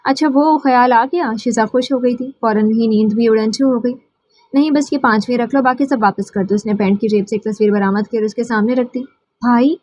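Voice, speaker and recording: A woman narrating a novel as an audiobook reader, in a steady, even way. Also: fairly high pitch, lo-fi sound.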